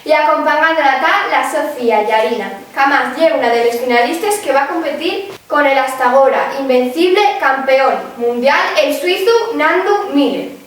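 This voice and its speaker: A woman's voice: sits high, moderate pace, lightly acted. Female field reporter, acted on stage, inquisitive and polite, Asturian accent, mock news, distant echoey hall. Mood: upbeat, formal.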